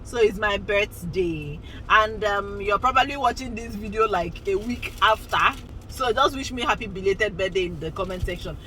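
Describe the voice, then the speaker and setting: A woman's voice: mid-range voice, normal speed, pushed and bright, a little hiss or hum, low-quality recording. A woman in her forties, chatting casually and rambling to her vlog viewers, often laughing. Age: 40s. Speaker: vlogger. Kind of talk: casual chat to camera.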